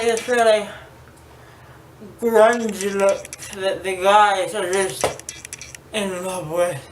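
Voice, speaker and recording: A woman rambling casually to camera as a vlogger, groggy and loopy from anesthesia, with a numb, sore mouth. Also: medium pitch. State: numb, sore mouth after dental surgery. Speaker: vlogger giving a makeup tutorial. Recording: roomy, distant mic, faint noise.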